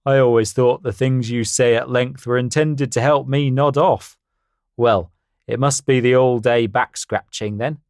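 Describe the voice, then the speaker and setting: A man's voice: mid-range voice, steady tone, measured pace, darkish tone, no echo, studio quality, lightly acted. A man voicing a blunt brumby stallion. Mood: teasing. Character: brawny blunt male brumby horse.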